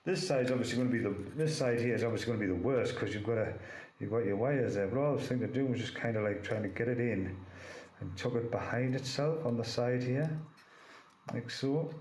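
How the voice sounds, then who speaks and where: Fairly quick and a little mellow, his mid-range voice carries a chesty cold. The vape reviewer rambles through a relaxed, hands-on product demonstration packed with fillers, recorded in an echoey room with faint noise.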